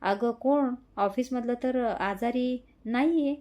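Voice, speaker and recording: A woman voicing a caring young woman friend who comforts and gently scolds. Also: fairly high pitch, slow, lo-fi sound. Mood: puzzled. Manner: soothing, a little scolding.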